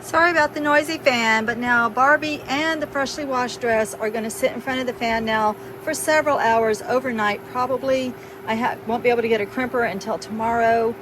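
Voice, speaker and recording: A woman's voice: a little high, fairly even intonation, brisk, background noise. A woman talks casually through a running electric fan as she explains her doll repair at home. She lifts her voice to carry over the fan's whir. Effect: speaking through a running electric fan. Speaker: doll restorer demonstrating. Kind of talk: casual how-to demonstration.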